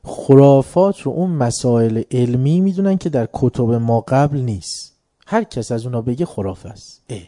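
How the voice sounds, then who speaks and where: A man's voice: medium pitch, mellow. A man giving a philosophy lecture, emphatic, asking the audience rhetorical questions and urging them to pay attention.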